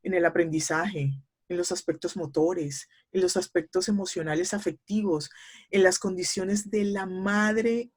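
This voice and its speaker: A middle-aged woman speech therapist, a guest in an interview, explaining in a measured, teacherly way with frequent hesitation fillers. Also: fairly low pitch, fairly even intonation, darkish tone, husky.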